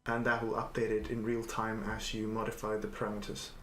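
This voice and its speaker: A man calmly and methodically walking through a software tutorial he made, with the odd filler "uh". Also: lowish voice, brisk, music in the background. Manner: calm, methodical explaining with filler uhs. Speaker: software developer demonstrating his editor. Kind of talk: screen-recorded software tutorial. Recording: echoey room, faint noise.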